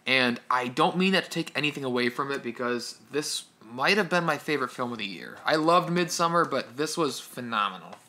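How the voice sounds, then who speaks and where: Bright-voiced man reviewing a film. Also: mid-range voice, lively intonation, a little fast, few pauses. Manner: hesitant, restarts. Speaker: podcast co-host. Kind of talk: casual film review chat.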